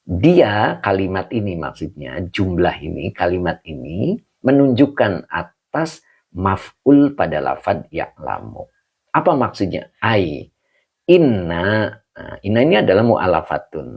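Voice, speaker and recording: A man's voice: low-pitched, big pitch swings, unhurried, gravelly, husky. A man teaching Arabic grammar in an online class, greeting viewers by name between his explanations.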